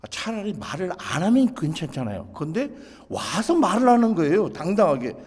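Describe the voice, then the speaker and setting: Animated pastor in an echoing hall. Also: male voice, sits high, moderate pace, breathy edge. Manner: animated storytelling, acts out quotes. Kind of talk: sermon.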